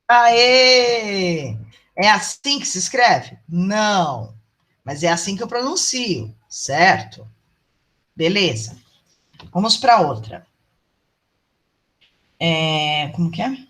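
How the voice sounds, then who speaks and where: A Brazilian woman teaches an online university lecture over a video call, speaking with a Brazilian Portuguese accent. Chatty and affectionate, she keeps checking in by asking the class "tá bom?" Her voice is medium-pitched and a bit bright.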